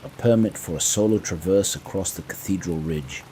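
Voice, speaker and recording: A man narrating scripted horror stories to fall asleep to, in hushed, creeping, ominous tones with measured, dramatic pauses. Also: sits low, a little hiss or hum, poor audio. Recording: faint rain ambience behind. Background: soft rain sounds.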